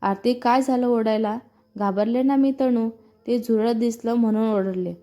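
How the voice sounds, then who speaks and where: A woman reading a storybook part as a caring young older sister, fussing over her younger sister in a light, gentle scolding tone. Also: a little high, fairly even intonation, moderate pace, lightly acted.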